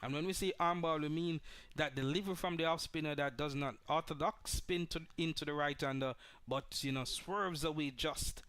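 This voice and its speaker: A man with a fairly high voice giving live cricket analysis beside a partner. He explains deliveries in a measured, thoughtful way and fills pauses with quiet agreement. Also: clear, resonant tone. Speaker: cricket co-commentator. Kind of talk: live sports commentary analysis.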